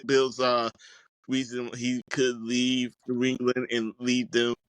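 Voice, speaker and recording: A man co-hosting a casual sports podcast, laid-back and quick to laugh. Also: mid-range voice, monotone, clean tone, dry recording. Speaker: podcast co-host.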